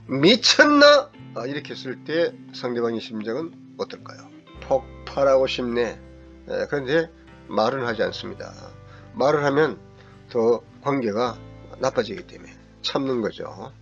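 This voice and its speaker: In a slightly dull recording with faint guitar music, a middle-aged man with a gravelly, mid-range voice lectures as a counseling psychologist. He speaks at normal speed, animated, explaining things step by step and sometimes acting out angry quoted lines in a raised voice.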